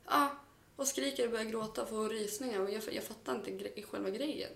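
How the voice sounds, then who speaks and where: A woman's voice: fairly high pitch, creaky, roomy sound, crowd noise. A woman co-hosting a casual podcast chat, swearing freely and laughing often. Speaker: podcast co-host.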